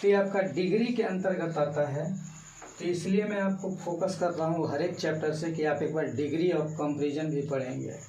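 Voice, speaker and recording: A man teaching an exam-prep grammar lesson, explaining each answer option slowly and step by step. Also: fairly high pitch, steady tone, darkish tone, slight background noise. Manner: slow, explanatory, walks through each option. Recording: echoey room, mic far off.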